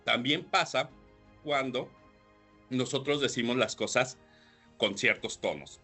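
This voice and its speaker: A man hosting a leadership podcast, explaining points with rhetorical questions and frequent throat clearing. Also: medium pitch, slow pace, bright, forceful tone, faint music behind. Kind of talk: solo podcast talk.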